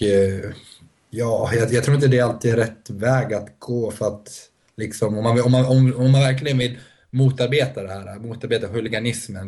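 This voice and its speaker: A man's voice: fairly low pitch, darkish tone. Hesitant man in casual discussion. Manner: hesitant, restarts, laughs between points. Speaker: podcast panelist.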